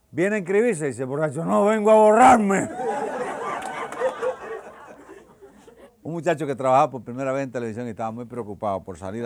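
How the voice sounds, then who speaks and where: Man telling stand-up jokes. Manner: acts out characters, jumping loud and high for punchlines. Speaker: stand-up comedian.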